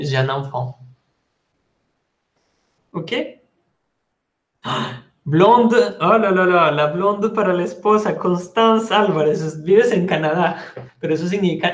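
High-voiced man teaching French patiently. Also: roomy sound. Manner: explains patiently, repeats and spells words. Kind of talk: online language class.

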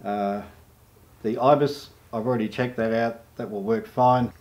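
A middle-aged Australian man chatting to camera in a loose, rambling vlog style. He drops plenty of filler sounds as he talks through his gear and plans. His voice sits at an ordinary, mid-level pitch. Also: measured pace. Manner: relaxed and rambling, with many "uh" fillers. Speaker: photojournalist and camera reviewer. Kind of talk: casual vlog talk to camera.

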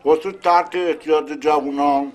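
A man's voice: a little high, fairly even intonation, lightly acted. An actor playing a middle-aged man who persuasively explains a plan to open a rehab camp.

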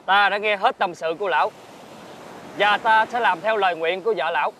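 A man's voice: high voice, a little fast, sharp tone, a little hiss or hum. A man playing a golden fish who is a young Dragon King prince, speaking in a solemn, lordly way. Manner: solemn, lordly, addresses the old man as "lão". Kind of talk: fairy-tale drama acting.

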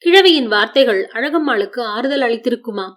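A woman narrating an audiobook short story in a measured, expressive storytelling manner. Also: fairly high pitch.

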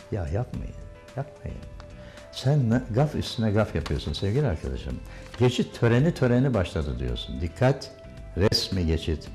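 A man's voice: sits low, a little mellow. An older man giving a diction lesson, correcting pronunciation and stress with emphatic, instructive examples. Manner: corrective, emphatic about stress and vowel length. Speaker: diction teacher.

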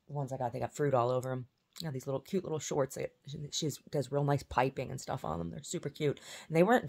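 A woman's voice: low voice, gravelly, a little mellow. A woman vlogging in a casual, rambling way, often trailing off and restarting her sentences.

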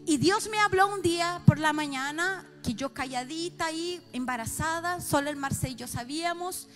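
A middle-aged woman pastor with a Chilean accent, giving an emotional sermon testimony that swings from soft confiding to loud outbursts. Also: high-pitched, moderate pace, faint music behind.

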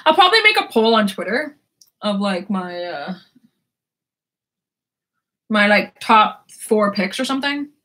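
A woman's voice: mid-range voice, sing-song, a little slow, pauses often, a bit bright. A woman in her twenties chatting casually about books, rambling, laughing and swearing freely. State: sore throat. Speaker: book vlogger. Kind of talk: casual chat.

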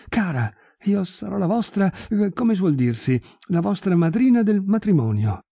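A man voicing a fussy, effusive older society lady in a read-aloud story, with a dark, husky voice. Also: medium pitch, no echo, clean studio sound, full character voice. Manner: effusive and fussy, turning cold and solemn.

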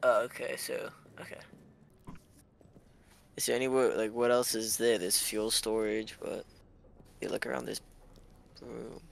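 A young man chatting casually while playing a co-op game, excitable and prone to loud yelps when startled. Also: medium pitch, measured pace, creaky, pauses often. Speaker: co-op gamer. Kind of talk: casual gaming chat.

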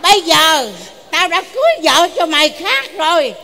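A woman's voice: extremely high pitch, very animated, moderate pace, creaky, bright, forceful tone, full character voice. A woman playing a bossy old grandmother who scolds her grandson in a live stage comedy sketch. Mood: scolding.

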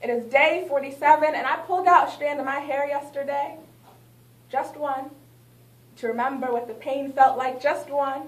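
This young adult woman performs a dramatic spoken word piece built on rhythmic refrains, her high-pitched voice moving at a normal speed. The recording comes from a far-off camera without a microphone inside a small gallery, giving it a roomy quality.

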